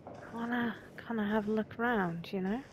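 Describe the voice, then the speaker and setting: A woman's voice: mid-range voice, brisk, noisy background. A young woman doing casual let's play commentary, chatty and giggly, yelping at scares.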